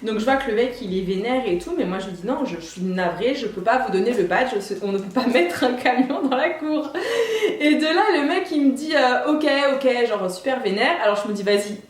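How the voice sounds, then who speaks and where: A woman's voice: on the high side, fairly quick. A woman vlogger telling a casual story in her apartment, acting out each side of the dialogue. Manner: animated, acts out both sides of the dialogue. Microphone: camera mic. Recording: roomy, echoey apartment room.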